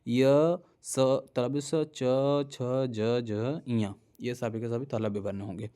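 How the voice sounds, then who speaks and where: A young male teacher with a mellow, relaxed voice at a middle pitch. He goes through a grammar lesson step by step, saying each letter aloud and often checking in with the listener. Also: slow.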